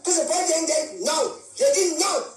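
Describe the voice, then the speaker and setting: A woman's voice: very high-pitched, moderate pace, darkish tone, far from the mic. A woman from Cameroon, ranting defiantly on a live stream and repeating her points. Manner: defiant, confrontational, repeats herself. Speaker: social media live streamer. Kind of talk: angry live-stream rant. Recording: echoey room, voice from off the mic, faint music.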